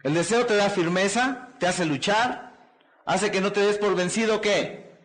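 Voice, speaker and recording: A man's voice: high-pitched, measured pace, a bit bright. A man speaking as a motivational speaker at a seminar, preaching in repeated rousing phrases and prompting the audience with questions. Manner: preachy call-and-response, asks the crowd "¿qué?" and "¿verdad?"; repetitive rousing delivery.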